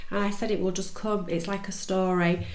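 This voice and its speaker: A woman's voice: medium pitch, little pitch movement, fairly quick, a little mellow. A woman chatting as a podcast guest, her voice nasal and blocked with congested sinuses, as if her nose were pinched. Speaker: podcast guest, tarot reader. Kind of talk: casual podcast chat. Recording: roomy, echoey sound.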